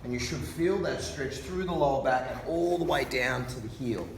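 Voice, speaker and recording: Male fitness coach, careful and unhurried, encouraging instructional delivery, recorded from a distance in a noisy, reverberant hall. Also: mid-range voice, vocal fry. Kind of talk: instructional exercise demonstration with coaching cues. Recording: distant mic, reverberant hall, background noise.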